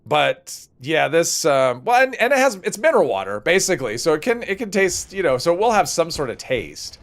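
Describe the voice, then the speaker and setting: A man's voice: a little high, very animated, normal speed. A man hosting a livestream, casually thinking aloud as he plays and rambling off into conversational asides. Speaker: livestream host.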